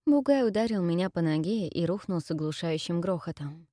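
A woman reads a first-person story aloud in a wry, lively way. Her voice sits on the low side. The recording is dry and close. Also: a little fast, no room sound. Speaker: audiobook narrator. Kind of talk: first-person audiobook narration.

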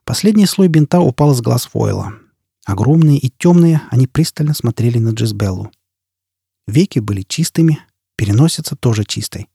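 Husky, dark-voiced male narrator. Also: mid-range voice, expressive, moderate pace, no room sound, clean studio sound. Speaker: audiobook narrator. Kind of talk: scripted narration.

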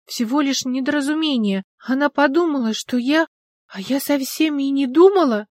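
A woman's voice: high-pitched, normal speed, a little mellow, no echo, studio quality, voice pushed up, lightly acted. A woman doing a flustered timid young woman.

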